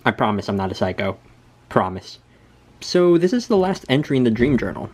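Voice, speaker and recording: A man's voice: medium pitch, very animated, brisk, a little mellow. A young man rambling casually in a hesitant, self-deprecating, nerdy way, now and then reading out notes. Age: young adult. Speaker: video creator. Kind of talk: casual rambling chat, reading out journal entries.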